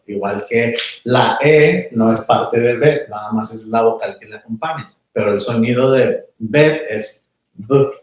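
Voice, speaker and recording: A man lectures a small class in a casual, chatty way, stopping now and then to check that they follow. His voice sits at an ordinary pitch. It is picked up from across a very echoey room. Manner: relaxed, conversational, asks the class questions. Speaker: meditation teacher. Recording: very echoey room, mic far off.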